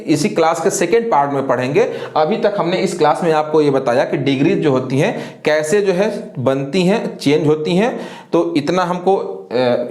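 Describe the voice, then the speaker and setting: A man's voice: a little high, a little mellow. Man teaching grammar in an echoey room. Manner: asks questions and answers them himself, spells words letter by letter; slow and deliberate, repeats filler phrases. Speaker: English teacher. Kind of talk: classroom grammar lesson.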